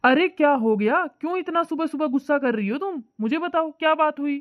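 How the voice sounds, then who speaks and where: An unbothered cartoon husband put on by a woman soothes and dismisses in a fairly high voice. The sound is tinny and phone-like, with no room around it. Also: expressive, brisk, no room sound. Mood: placating. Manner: placating, brushing things off. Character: easygoing husband, calm, dismissive. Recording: tinny phone-like dry voice track.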